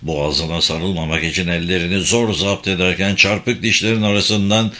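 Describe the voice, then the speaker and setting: A man narrating a crime novel as an audiobook, in a measured, expressive reading. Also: deep voice.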